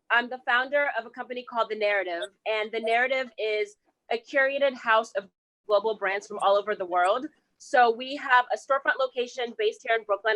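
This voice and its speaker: A woman's voice: fairly high pitch, bright, forceful tone, low-quality recording. A woman from Zimbabwe speaking in a casual, conversational way as a founder on an online panel. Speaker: shop founder. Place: inside her shop during a thunderstorm.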